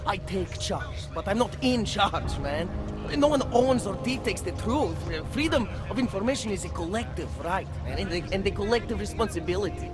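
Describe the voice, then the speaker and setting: In a video game, an actor voices a paranoid, defiant underground journalist, a fervent idealist given to rambling, stammering conspiracy rants full of slang. His high male voice is animated, at a normal speed, over music, and the mood is defiant and idealistic.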